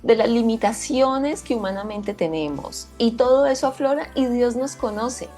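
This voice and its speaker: A woman interviewer reflecting on faith in a calm, teaching tone, often repeating herself. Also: a little high, normal speed, faint music behind.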